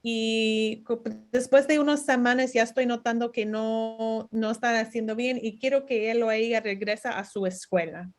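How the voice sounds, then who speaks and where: Halting high-voiced woman interpreter. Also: fairly even intonation, faint music behind. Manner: halting, searching for words. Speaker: interpreter at a town hall webinar. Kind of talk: consecutive interpreting in a public meeting.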